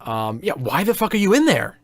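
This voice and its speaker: A man's voice: high voice, huge pitch swings, fairly quick, no echo, clean studio sound. A man in casual podcast chat, reviewing theme parks in a blunt, opinionated way and swearing freely.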